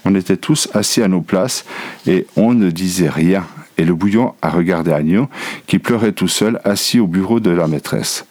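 Man with a low voice reading a children's story. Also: moderate pace, no room sound. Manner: lively first-person narration of a schoolboy. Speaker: audiobook reader. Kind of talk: scripted storybook narration.

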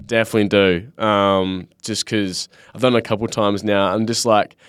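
Man, broad Australian accent, young adult, clean smooth voice, dry close sound, casual slangy co-host. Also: fairly low pitch, level tone, moderate pace, fairly bright tone, dry recording. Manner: laid-back, matey, slangy. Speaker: podcast co-host. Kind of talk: casual podcast chat.

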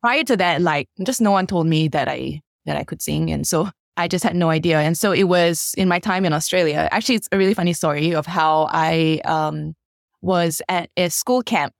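A woman in her thirties from Singapore, a worship leader telling her story in a podcast interview with many fillers and animated jumps in pitch. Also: moderate pace, creaky, no echo, studio quality.

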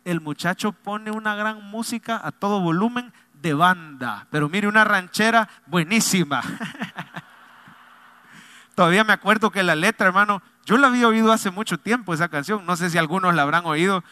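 Bright-voiced pastor preaching. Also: male voice, high-pitched, normal speed, no room sound. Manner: humorous, confiding, addresses congregation directly. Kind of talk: sermon with personal storytelling.

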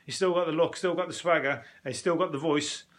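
A man with a Brummie (Birmingham) accent hosts a news commentary show solo, chatting casually about news stories. His voice is on the high side, fast and fairly bright, and he rambles, jokes and swears freely.

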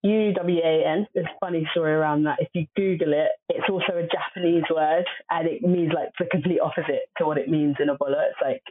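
Speaking briskly with hardly any pauses, a deep-voiced woman keeps her intonation fairly even as she chats hesitantly, full of fillers, on a podcast. She is an Obolo native speaker from a southern Nigerian family. The recording has no echo and sounds dry and lo-fi, much like a phone.

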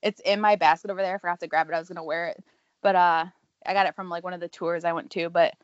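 A woman's voice: lowish voice, steady tone, fast talker, dry recording, highs cut off. A woman co-hosting a casual music podcast, chatty and giggly. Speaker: podcast co-host. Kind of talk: casual chat.

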